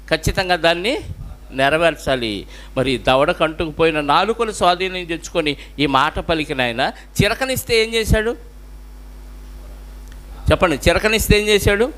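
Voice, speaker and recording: Male pastor with a Telugu accent, higher voice, preaching and asking the congregation questions. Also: a bit bright. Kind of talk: sermon.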